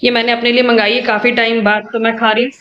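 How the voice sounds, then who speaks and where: A woman's voice: on the high side, little pitch movement, fast talker, highs cut off. Chatty mother vlogging from home. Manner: chatty, complaining, teasing. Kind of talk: casual home vlog chat. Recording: echoey room with faint ambience.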